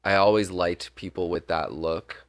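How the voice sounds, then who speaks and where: A man hosting a podcast in casual chat, animated and teasing with quick reactions. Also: sits low, dry recording. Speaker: podcast host.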